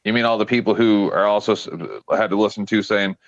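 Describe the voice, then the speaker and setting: A man's voice: fairly low pitch, flat delivery, fast, dry recording, muffled recording. A sarcastic man hosting a casual political discussion. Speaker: discussion host.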